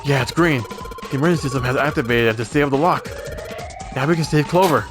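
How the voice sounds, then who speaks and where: A man reads as an earnest young man, the alarmed hero of a video game. The voice sits at a middle pitch, with game music clearly behind it. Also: quick pace, close to an everyday voice. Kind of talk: video game character read-aloud.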